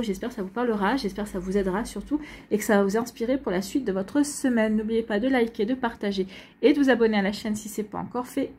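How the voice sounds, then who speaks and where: A woman's voice: a little high, a little mellow, a little hiss or hum. A French woman giving a casual, rambling astrology reading to her viewers, full of restarts and reassurance. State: hiccups. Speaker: astrology and tarot reader.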